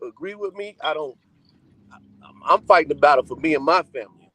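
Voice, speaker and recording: A man calling in over a glitchy line that keeps breaking up and dropping out. He speaks firmly and emphatically, his pitch sitting a little high and swinging widely. Apart from the dropouts, his voice comes through dry and close. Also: lively intonation, brisk, bright, forceful tone, no echo. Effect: glitchy phone call breaking up. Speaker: call-in guest.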